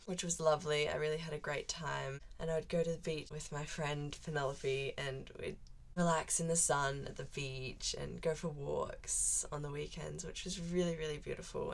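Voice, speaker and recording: Talking straight to the camera, a teen girl from Central Australia meanders through her thoughts, peppering them with "like". She sounds laid-back and unscripted, first-vlog style, her voice sitting low for a young woman.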